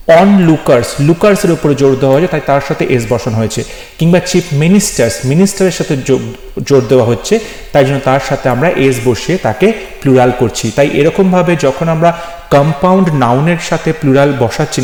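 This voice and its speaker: A man teaching an English grammar lesson, patiently explaining rules and slowing down to spell out example phrases. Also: medium pitch, a little mellow. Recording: echoey room with long reverb.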